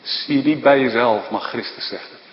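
A man's voice: normal speed, lo-fi sound, a little hiss or hum. Man preaching in an echoey church. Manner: impassioned preaching, swinging between loud rising declarations and low hushed questions. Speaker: pastor. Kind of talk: sermon. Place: church hall. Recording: echoey church hall, long reverb.

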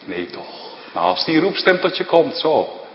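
A man's voice: big pitch swings, a little slow, lo-fi sound, a little hiss or hum. Man preaching in an echoey church. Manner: impassioned preaching, swinging between loud rising declarations and low hushed questions. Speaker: pastor. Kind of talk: sermon. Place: church hall. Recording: echoey church hall, long reverb.

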